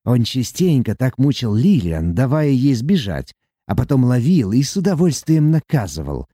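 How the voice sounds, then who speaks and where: A man voicing a puny, gloomy male demon dwarf who talks in a flat, matter-of-fact way. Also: medium pitch, moderate pace, no echo, clean studio sound.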